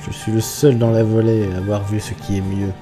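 Exiled mage tyrant, read by a man, power-hungry, plain read, low voice, game music behind. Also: little pitch movement, a little fast, lightly acted. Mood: domineering.

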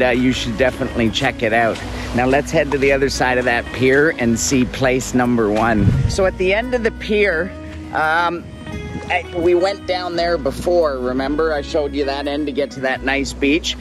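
Holding his selfie camera at arm's length, a man in his forties walks viewers around a tropical beach outdoors, upbeat and chatty, often repeating words. His voice is medium-pitched at a moderate pace. Music plays in the background.

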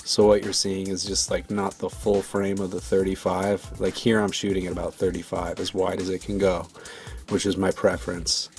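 Low, flat-voiced man rambling casually. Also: moderate pace, creaky, soft background music. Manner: relaxed, rambling, many fillers. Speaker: video maker. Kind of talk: casual voice-over commentary.

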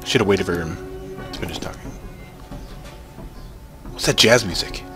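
Young male gamer, lively low voice, slow unhurried delivery with sudden swearing outbursts, game music behind. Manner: excitable, swearing, jokey outbursts. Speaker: gaming channel host. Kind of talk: casual gameplay commentary.

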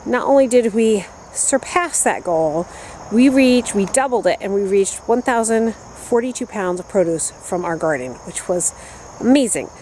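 A woman in her thirties walks through her backyard vegetable garden, chatting casually and upbeat about her plants. Her voice is mellow and warm, caught by a handheld camera at arm's length outdoors. Faint crickets and insects buzz behind her. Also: mid-range voice, animated, measured pace, a little hiss or hum, rough recording. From upstate New York, US. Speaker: gardening vlogger.

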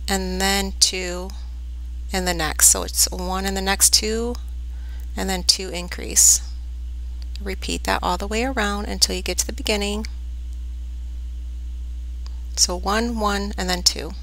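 A woman teaching crochet step by step, calmly counting stitches aloud over close-up shots of her hands. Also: medium pitch, measured pace, long pauses, low-quality recording. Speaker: crochet instructor. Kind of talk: step-by-step tutorial narration.

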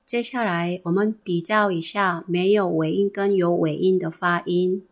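A woman's voice: lowish voice, steady tone, normal speed. A woman teaching a pronunciation lesson, enunciating carefully and repeating each drilled syllable. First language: Korean. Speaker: Korean language teacher.

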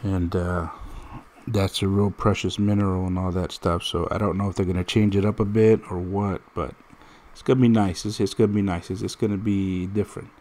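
An American man in his thirties gives casual commentary on a mobile fighting game, rambling through stories in a direct way full of restarts. He sounds low-pitched and darkish, delivering flatly and a little fast.

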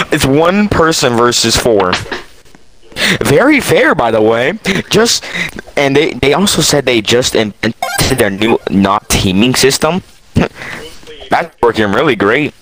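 A man's voice: mid-range voice, big pitch swings, slow pace, a bit bright, low-quality recording. A young man joking around and bantering while playing a game with a friend. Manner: goofy, laughing banter. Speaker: gaming friend. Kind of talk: casual gaming chat. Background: game music.

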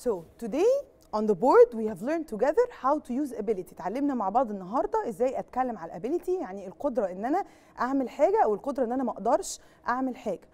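A woman's voice: a little high, big pitch swings, a little mellow. A woman with an Egyptian Arabic accent teaching an English grammar lesson, switching between Arabic and English, asking questions and answering them herself. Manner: slows down and spells out English words one at a time. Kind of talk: televised classroom lesson.

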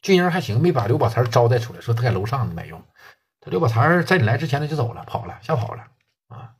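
A man's voice: medium pitch, sing-song, quick pace, slight background noise. A man telling a gangland story in a colloquial, earthy and crude way. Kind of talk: oral storytelling.

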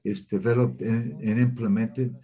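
Through dull audio, a medium-pitched man interprets webinar talks simultaneously for a remote session. He keeps a measured, steady rhythm, though he sometimes hesitates.

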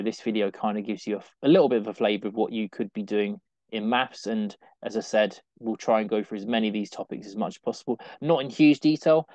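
A man's voice: lowish voice, darkish tone, dry recording. A young British man, a maths tutor, talking through a lesson in a casual, rambling way, often correcting himself with small laughs. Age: young adult.

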